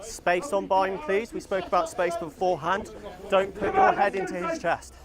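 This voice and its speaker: A male rugby referee calling short, clipped commands on the pitch, heard through a body mic with fuzzy distortion. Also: sing-song, moderate pace. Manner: barks short, clipped calls. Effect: fuzzy distorted mic sound. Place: outdoor sports ground. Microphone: worn body mic. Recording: distorted body mic outdoors, loud crowd.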